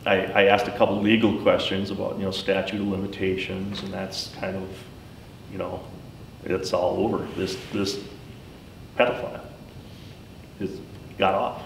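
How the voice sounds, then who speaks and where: A middle-aged man giving a personal account in informal talk, speaking haltingly and pausing often mid-sentence. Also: little pitch movement, creaky. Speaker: school superintendent, former teacher. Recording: roomy, distant mic, faint rumbling noise.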